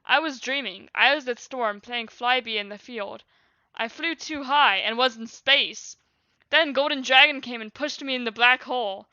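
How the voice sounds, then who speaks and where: A woman's voice: on the high side, normal speed, sharp tone, no room sound, highs cut off. A young woman in her late teens, a streamer, reading her childhood journal aloud with laughing casual asides.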